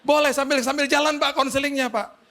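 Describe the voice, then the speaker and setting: A man's voice: very high-pitched, flat delivery, fairly quick, background noise, pitched above the performer's own voice. A man voicing a grateful, tearful young ride-hailing driver who pleads for counseling.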